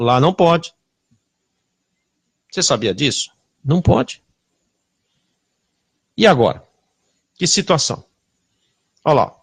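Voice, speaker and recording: A man preaching a sermon with a Brazilian Portuguese accent, confrontational and full of rhetorical questions, swinging between loud bursts and hushed asides. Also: fairly high pitch, slightly rough, dry recording, studio quality.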